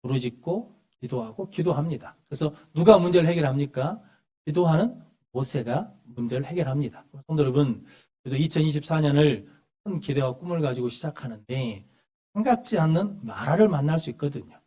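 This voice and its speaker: Male pastor, church sermon, somewhat high voice, rhetorical questions, slow emphatic scripture reading. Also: animated, dark tone. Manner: asks the congregation rhetorical questions and answers them; reads scripture aloud slowly and emphatically. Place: church sanctuary.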